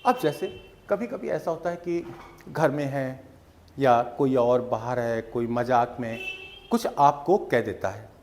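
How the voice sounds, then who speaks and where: A man with a Hindi accent teaching spoken English, explaining slowly and repeating each phrase in Hindi and English. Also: medium pitch, a little mellow. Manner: slow and patient, repeating phrases, switching between Hindi and English.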